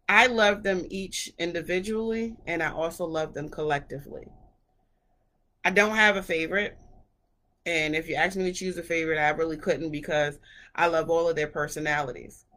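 A woman in her thirties talking casually about raising her children, in a relaxed storytelling way. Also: on the low side. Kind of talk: casual parenting talk to camera.

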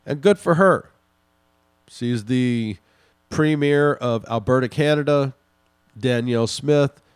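A man hosting a podcast, reading and commenting on news articles in an emphatic, indignant way, slowing down to stress his points. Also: mid-range voice, clear, resonant tone, no echo, clean studio sound. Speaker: podcast host.

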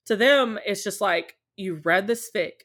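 A woman with a medium-pitched, fairly bright voice speaks a little slowly as a podcast guest and podfic creator. She chats at length in a casual, candid, conversational way, talkative and often acting out short quotes.

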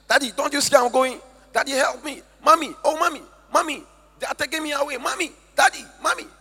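A Ghanaian man voicing a frightened little girl crying for her parents, in a high pleading wail. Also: brisk, bright, forceful tone, full character voice. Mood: desperate. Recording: long church hall reverb.

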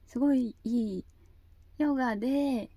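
A woman speaks in a high, cutesy anime-girl voice with a very mellow, gentle tone. She talks very slowly in a casual monologue, hesitating and repeating herself as she goes. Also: no room sound. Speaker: video host.

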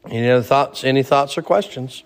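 A man's voice: medium pitch, fairly quick. Conversational pastor in his thirties. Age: 30s. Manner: conversational, repeats phrases for emphasis. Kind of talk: informal Bible study sermon.

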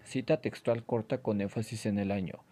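A man's voice: on the low side, fairly even intonation, normal speed, dark tone. A man delivering scripted educational narration as an explainer, in a playfully formal, instructional manner.

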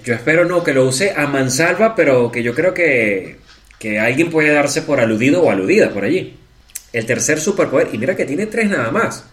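A man's voice: a little high, lively intonation, moderate pace, fairly bright tone. A middle-aged man with a Venezuelan accent, co-hosting a podcast in casual, playful banter. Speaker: podcast co-host. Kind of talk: casual chat.

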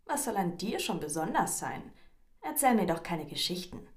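A woman's voice: on the low side, very animated, moderate pace. A woman voicing a smug, hungry cat in a storybook reading, mocking and scornful.

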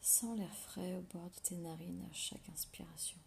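Speaking in a hushed whisper as if right at your ear, a woman guides a relaxing meditation, offering slow, soothing prompts with long pauses. Her voice sits on the low side, steady and gravelly, with a little background noise.

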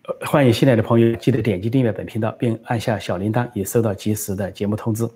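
A man's voice: fairly low pitch, fairly even intonation, fast, mellow, husky. A man giving political commentary and answering live questions, talking conversationally with many fillers.

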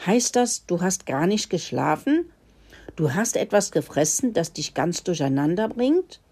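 A woman voicing a sensible young female mouse who scolds in a squeaky voice. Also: sing-song, a little slow, a little mellow, breathy edge, full character voice. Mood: scolding.

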